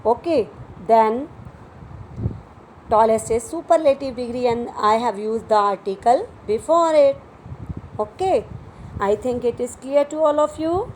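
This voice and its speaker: A woman's voice: a little high, lively intonation, very slow, pauses often, a little mellow, slight background noise, poor audio. A woman teaching an English grammar lesson in an Indian English accent, explaining step by step and checking in with her students.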